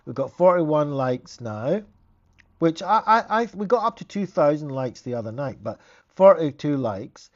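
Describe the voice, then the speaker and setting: A man's voice: fairly high pitch, big pitch swings, measured pace, highs cut off. A man, a therapist hosting a casual live stream, talking in a chatty, rambling way with frequent restarts.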